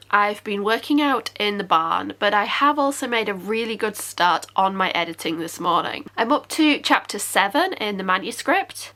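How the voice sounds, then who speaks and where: A woman's voice: a little high, bright, forceful tone. A woman in her thirties talking candidly to camera about her writing week, her nose stuffy from a cold. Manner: chatty and candid, many asides. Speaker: indie author vlogging her writing week. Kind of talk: casual vlog talk to camera.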